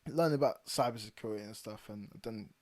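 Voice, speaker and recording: A man's voice: on the low side, fast talker. Laughing young podcast man. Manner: animated, laughs often, trails off quietly when serious. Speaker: podcast co-host. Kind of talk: casual chat.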